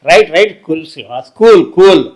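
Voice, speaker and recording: A man playing a coaxing smooth lawyer. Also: sits high, darkish tone. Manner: coaxing, explains slowly. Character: smooth-talking persuasive male lawyer.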